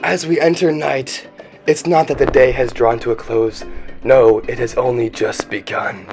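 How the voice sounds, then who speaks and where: A man's voice: mid-range voice, fairly even intonation, unhurried, darkish tone. A young man co-narrating a parody nature documentary in a grandiose, mock-serious manner. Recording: music playing underneath.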